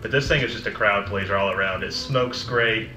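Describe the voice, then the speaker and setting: A man with a fairly low voice talks through a casual product review. The room sounds echoey, and music plays behind him. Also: fairly quick, pushed and bright. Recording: roomy echo, music behind.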